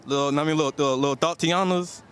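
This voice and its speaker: Quick-talking, playful man on the street. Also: a little high, fairly even intonation, a bit bright, a little hiss or hum. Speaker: street interviewee. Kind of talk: slangy casual street chat.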